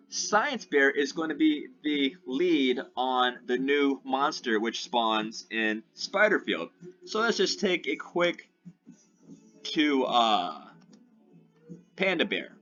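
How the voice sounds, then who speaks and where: A gaming YouTuber with a medium-pitched, sharp voice rambles through gameplay commentary, repeatedly checking in with "right?". The sound is dull and lo-fi, with faint music behind him.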